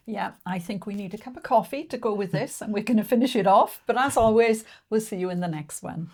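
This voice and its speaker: Middle-aged woman, casual vlog co-host, light and jokey, mid-pitched. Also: brisk, a little mellow. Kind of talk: casual food tasting chat.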